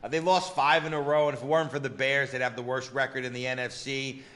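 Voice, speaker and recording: A man's voice: medium pitch, steady tone, quick pace, fairly bright tone. A man co-hosting a sports betting chat, confident, with lots of "you know" fillers and punchy catchphrases. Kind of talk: casual betting-picks chat.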